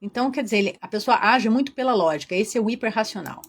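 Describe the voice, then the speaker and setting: A woman's voice: fairly high pitch, fast. Chatty Brazilian woman teaching a workshop. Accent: Brazilian Portuguese. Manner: lively, chatty, addresses the audience directly.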